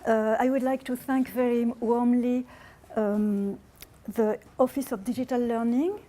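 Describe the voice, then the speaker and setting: A woman with a French accent gives an academic lecture, speaking in a measured way with hesitant fillers. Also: on the high side, steady tone, warm tone.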